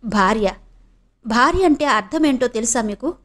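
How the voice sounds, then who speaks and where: A woman's voice: on the high side, expressive, moderate pace, a bit bright. A woman voicing a proud, defiant young wife in an audio novel, speaking in cutting, sarcastic retorts.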